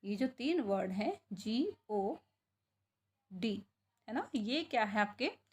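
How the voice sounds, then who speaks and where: Slow, lively woman teacher spelling words. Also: mid-range voice, husky. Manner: asks questions and answers them herself. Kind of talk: classroom lesson.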